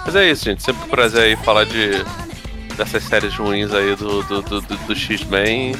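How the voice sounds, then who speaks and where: A man with a carioca Rio accent chatting casually as a podcast guest, in a slangy, halting way with repeated words. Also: fairly low pitch. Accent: carioca (Rio de Janeiro) Brazilian Portuguese. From Rio de Janeiro, Brazil. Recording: music playing behind the voice. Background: background music.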